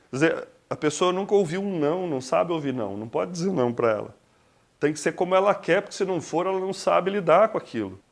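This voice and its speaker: Brazilian guy in his 40s musing out loud, a bit high voice, lots of rhetorical questions. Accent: Brazilian Portuguese. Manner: conversational and expressive, rhetorical questions, acts out little scenes. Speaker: speaker giving a reflection talk. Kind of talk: casual spoken reflection.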